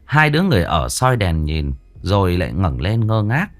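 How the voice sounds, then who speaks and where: A man tells a ghost story. His voice sits low, and his pitch swings widely as he builds the scenes. The narration is scripted and dramatic. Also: very animated, moderate pace.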